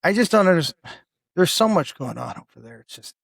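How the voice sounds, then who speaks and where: A man co-hosting a podcast in a casual political debate, talking excitably, swearing and stumbling over restarts. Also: high-pitched, fairly quick, gravelly, no echo. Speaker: podcast co-host.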